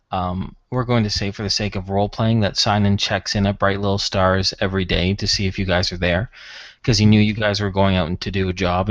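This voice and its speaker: A man's voice: on the low side, no room sound, highs cut off. A man narrating a tabletop role-playing game as game master in a conversational, improvised way.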